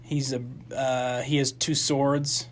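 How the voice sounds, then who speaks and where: This young man co-hosts a movie review segment on campus radio, speaking slowly in a medium-pitched voice. His casual chat wanders, full of animated energy, fillers, and false starts.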